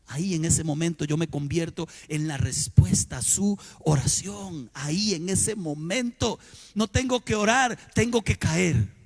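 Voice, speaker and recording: A middle-aged man preaches from the pulpit, his voice sitting high for a man. He tells his stories with sudden swings, calling out loudly one moment and dropping to a hush the next. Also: unhurried. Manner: storytelling preacher, sudden shifts from loud exclamations to hushed asides. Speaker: pastor. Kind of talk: sermon.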